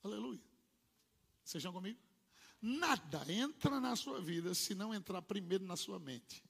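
Gravelly, lively Portuguese-speaking preacher man. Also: moderate pace. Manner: swings from low murmured asides to loud shouted proclamations. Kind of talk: sermon. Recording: long hall reverb.

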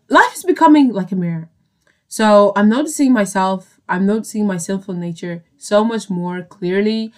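A young woman talks through her year in a relaxed, chatty way, circling back on her own phrases and asking her listeners whether they follow. Her voice sits at an ordinary middle pitch. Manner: chatty, repeats phrases, asks "do you know what I mean". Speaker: podcast host. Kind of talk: casual faith reflection.

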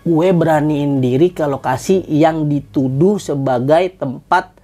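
A woman's voice: low voice, unhurried, mellow, soft background music. A woman telling a spooky story as a podcast guest, in slangy casual talk that acts out the voices of the people in it. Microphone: podcast microphone.

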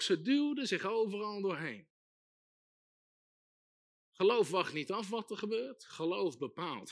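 A man preaching a sermon with emphatic repetition, building to loud exhortation. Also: high-pitched.

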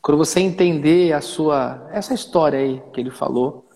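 A man, co-host of a casual devotional chat, speaking in a relaxed, measured way. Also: fairly high pitch, gravelly. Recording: long reverb trail on the voice.

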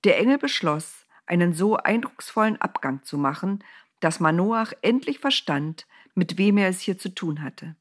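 A woman narrating a children's Bible story in a lively, playful way. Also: fairly low pitch, moderate pace.

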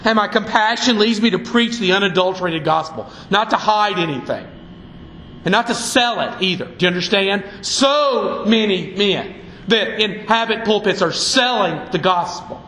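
A male pastor delivers a fiery, emphatic sermon in a high, bright voice. His words carry a sharp, forceful edge. The sound rings through an echoey church sanctuary with faint room noise behind it. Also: lively intonation, moderate pace.

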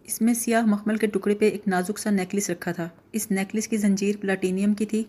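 A woman narrating a novel aloud in a steady, even storytelling manner. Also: medium pitch. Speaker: audiobook narrator.

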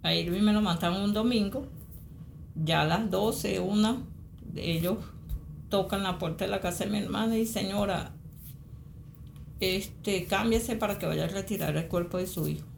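A middle-aged Venezuelan woman giving spoken testimony as a mother, halting and repeating phrases. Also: medium pitch, gravelly, roomy sound, a little hiss or hum. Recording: interview with music underneath.

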